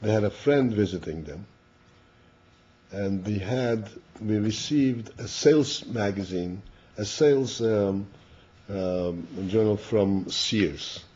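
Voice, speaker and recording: An older man, a rabbi, teaching a Chassidus class, who often repeats words and clears his throat. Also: lowish voice, slow, a little mellow. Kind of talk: slow, halting Torah class. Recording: dull lo-fi class recording.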